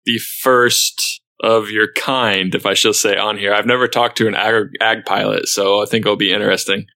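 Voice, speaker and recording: A man's voice: lowish voice, steady tone, moderate pace, pushed and bright. A man hosting a podcast, chatting casually as he interviews a guest. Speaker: podcast host.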